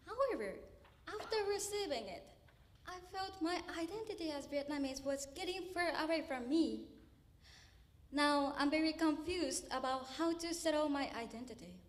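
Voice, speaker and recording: A young woman from Japan, a university student, delivering a memorized speech contest address in an earnest way, with deliberate emphatic pauses, from an auditorium stage. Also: high voice, lively intonation. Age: young adult.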